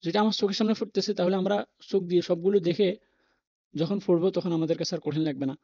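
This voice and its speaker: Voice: mid-range voice, steady tone, quick pace, dark tone, no room sound. A patient teacher spelling out Arabic letters and vowel marks one by one in a Quran reading lesson, reassuring learners that it is not hard. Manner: reassuring, talks the learner out of worry. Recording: dull, lo-fi recording.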